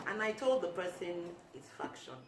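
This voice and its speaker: Woman author reading her short stories out loud, slow and deliberate, sounds far off in a roomy space with noise behind. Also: lowish voice, big pitch swings. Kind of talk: reading aloud from her book. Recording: echoey room, mic at a distance, noisy.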